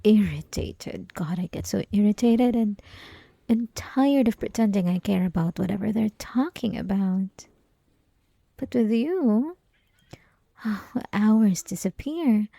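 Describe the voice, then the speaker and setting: A young woman plays a yandere student in an intimate, one-sided ASMR roleplay, teasing, coy, giggly and sweetly possessive, affectionate yet intense. Her soft, breathy, medium-pitched voice often whispers, with some vocal fry, slow delivery and lingering pauses. A close ASMR mic gives a dry sound with no echo.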